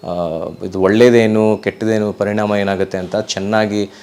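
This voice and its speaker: A man's voice: on the low side, flat delivery, moderate pace, darkish tone, smooth. Earnest DJ man giving an interview. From Karnataka, India. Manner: earnest, emphatic, repeats pleas. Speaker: professional DJ, interview guest. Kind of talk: casual interview talk.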